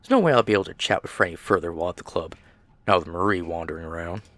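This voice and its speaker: A man narrating a game playthrough, reading the text aloud and adding lively asides. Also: low-pitched, rapid-fire, dry recording. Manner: animated, reads aloud with asides. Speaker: game streamer.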